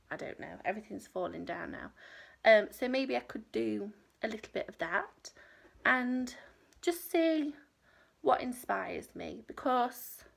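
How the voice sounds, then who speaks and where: A woman in her thirties, nasal and stuffed up from a cold, talks casually to camera as a crochet vlogger in her small home craft room. Rambling and self-deprecating, she speaks in a fairly high, creaky voice.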